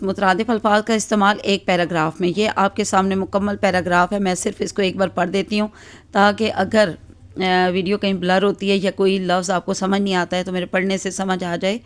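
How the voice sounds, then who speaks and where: A woman with a Pakistani Urdu accent teaching an exam-focused grammar lesson, explaining patiently with frequent check-ins and filler pauses. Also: medium pitch.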